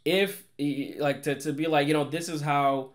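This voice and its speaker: Podcast host: young man from Boston, slightly higher voice, easygoing and jokey, laughs a lot. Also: normal speed. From Mattapan, Boston area. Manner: relaxed, laughs often, says man and bro. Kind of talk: casual interview chat.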